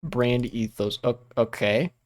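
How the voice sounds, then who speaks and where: A man's voice: medium pitch, slow pace. A young man hosting a casual livestream, reacting to what he reads on screen in a rambling, profane way, with many fillers and bursts of laughter. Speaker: livestream host.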